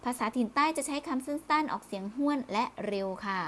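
A patient woman teacher talks young pupils through a review lesson, repeating each word and closing her phrases politely. Her voice sits a little high. A faint hiss runs under the recording. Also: a little fast, fairly bright tone. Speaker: primary school Thai teacher.

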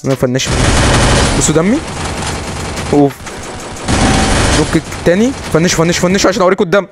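A man with an Egyptian Arabic accent comments excitedly on his own shooter match, calling out to viewers as he plays. His voice sits a little high for a man. Game music and bursts of gunfire play loudly behind him. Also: a little fast. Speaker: gaming YouTuber. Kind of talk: live gameplay commentary.

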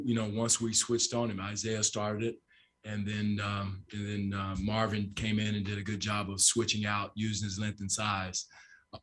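Low, flat-voiced older coach at press conference. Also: male voice, slight background noise. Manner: measured, repeats phrases, frequent fillers. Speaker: basketball head coach. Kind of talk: postgame press conference answers. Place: press room with sponsor backdrop. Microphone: table microphone in front.

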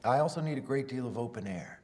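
An actor playing a scheming, smooth-talking writer in a period film, speaking in a polite, persuasive, formal way. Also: male voice, mid-range voice, animated, fast talker, mellow, lightly acted. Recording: reverberant film soundtrack.

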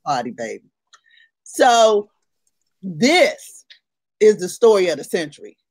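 A woman's voice: mid-range voice, very animated, takes it slowly, slightly rough, dry recording. Laughing gossipy woman host. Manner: loud, laughing, gossipy storytelling. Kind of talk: casual morning chat show.

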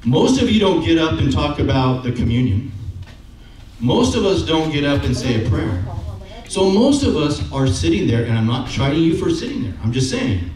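This middle-aged male preacher has a somewhat high, sing-song voice with a slightly mellow quality and speaks at a normal pace. Walking the stage with a handheld mic, he delivers a chatty sermon, repeatedly asking "okay?" and "right?" His voice is picked up by a far camera across a very echoey brick-walled church sanctuary, with faint background noise.

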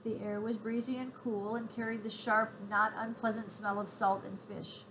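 A woman reading a children's novel aloud, in clear, even storytelling narration. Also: medium pitch, normal speed, noisy background. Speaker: reader.

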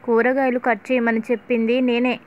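A woman's voice: a little high, little pitch movement, normal speed, dull audio, natural voice. Brief: young bride, plain and blunt, read by a woman.

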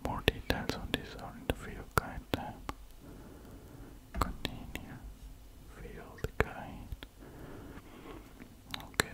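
A man whispers close to the microphone in a soft ASMR wildlife watching style. His whisper is breathy and unvoiced, with no full tone behind it. He takes his time, reading aloud slowly and adding hushed comments as he goes. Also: poor audio. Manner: slow, hushed, unhurried. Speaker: ASMR host. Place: indoors at a computer.

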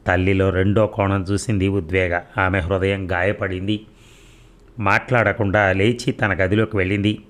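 A man narrating a serialized audio story in an even storytelling manner. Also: low voice, moderate pace.

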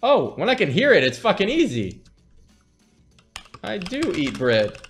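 Animated, joking man streaming at his desk. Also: high voice, measured pace, soft background music. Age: late 20s. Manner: profane, joking, thinks aloud. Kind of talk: casual live-stream commentary. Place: small room at a desk.

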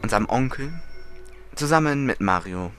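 A man giving casual let's-play commentary. He talks chattily, stopping to correct himself and grumbling at the controls. Loud game music plays under his voice. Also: mid-range voice, animated, moderate pace. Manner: chatty, self-correcting, frustrated at times.

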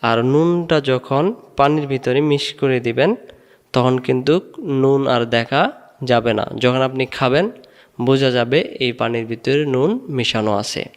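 A man teaching an online Quran reading lesson, drilling letters and vowel sounds slowly and patiently, asking questions and answering them himself. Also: mid-range voice, steady tone, smooth. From Bangladesh. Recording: long hall reverb.

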